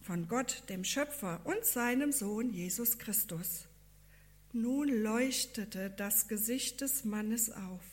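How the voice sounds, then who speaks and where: A woman reading a devotional story aloud in a calm, measured, earnest way. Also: a little high.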